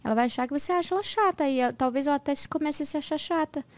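A woman's voice: high voice, rapid-fire. A woman in her thirties with a Brazilian accent, a podcast guest talking candidly and acting out the dialogue in her stories. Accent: Brazilian Portuguese. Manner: candid, animated storytelling, acts out dialogue. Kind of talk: casual chat.

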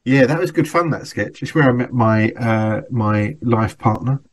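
A man's voice: mid-range voice, normal speed. A middle-aged man, a guest actor chatting casually and laughing often at himself. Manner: self-deprecating, laughs often while talking. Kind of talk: casual chat.

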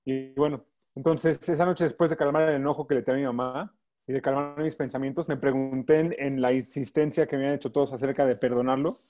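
A man's voice: medium pitch, fairly even intonation, quick pace, warm tone. A young man with a Mexican accent, a guest in an interview, telling a personal story and acting out his inner voices in quotes. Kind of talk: personal testimony.

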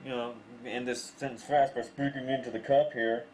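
A man's voice: medium pitch, level tone, normal speed, darkish tone, slight background noise. A man hosting a casual livestream, speaking into a cup so his voice comes out muffled and hollow, in a rambling, jokey way. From United States. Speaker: livestream host reading chat.

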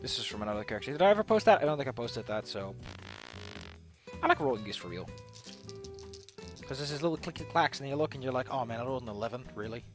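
A man casually commentating as he builds a tabletop game character, playful and thinking out loud. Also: medium pitch, very animated, quick pace, pauses often, over music. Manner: playful, thinking aloud, mild swearing.

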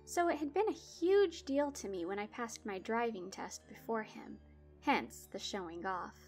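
A woman's voice: a little high, lively intonation, unhurried, a little mellow, soft background music. A woman telling a spooky story in the first person, wry and dramatic. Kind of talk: scripted horror story narration.

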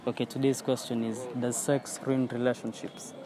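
A young man hosting a casual street interview outdoors on a campus, asking quick upbeat questions into a handheld phone. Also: medium pitch, level tone, background noise. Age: young adult. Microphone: handheld phone held out to guests.

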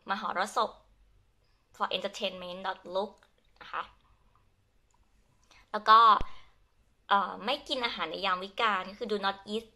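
Bright-voiced Thai woman teaching slowly. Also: medium pitch, steady tone. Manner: switches between Thai and slow halting English, repeats herself. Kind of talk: bilingual lesson, Thai with English glosses.

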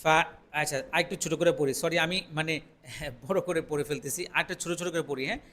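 A man teaching Quran recitation online, chanting verses slowly and then explaining pronunciation. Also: fairly high pitch, fairly even intonation, sharp tone. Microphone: recording microphone.

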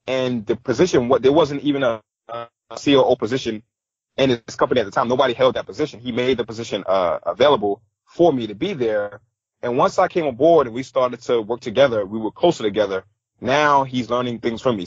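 Husky-voiced man telling stories. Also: mid-range voice, no room sound, dull audio. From New York City. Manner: animated, acts out quotes of others. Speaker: podcast guest, style coach. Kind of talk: casual interview storytelling.

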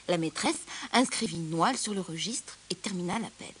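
A woman storyteller reading a children's story aloud in an expressive way, dropping to a hush at tense moments. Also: on the low side, moderate pace, slightly rough. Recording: hissy old storybook recording.

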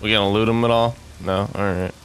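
A man's voice: fairly low pitch, steady tone, a little fast, a little hiss or hum, poor audio. A man giving casual, sweary commentary as he plays a video game. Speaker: let's player.

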